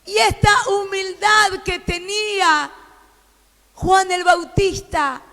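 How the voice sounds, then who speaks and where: A woman pastor with an Argentine accent preaching a sermon, fervent and repetitive, building to shouted proclamations. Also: very high voice, fairly even intonation, takes it slowly, in a large hall. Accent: Argentine Spanish.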